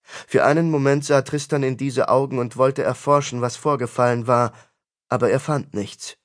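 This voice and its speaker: A man narrating a fantasy audiobook in a measured, dramatic storytelling manner. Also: medium pitch, steady tone.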